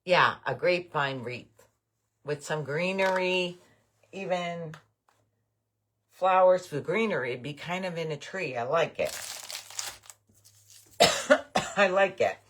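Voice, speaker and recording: A woman's voice: on the low side, takes it slowly, long pauses, fairly bright tone, slight background noise. An older woman hosting a craft livestream, chatting casually and rambling happily with her viewers. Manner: chatty, rambling, enthusiastic about bargains. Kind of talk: casual live-stream chat with viewers.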